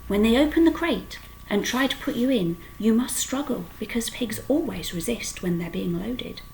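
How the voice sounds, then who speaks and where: A woman reading aloud and voicing a wise, bossy old female sheep who gives urgent, hushed orders. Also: a little high, animated, moderate pace, creaky, a little hiss or hum, voice pushed up, low-quality recording. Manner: urgent whispered instructions.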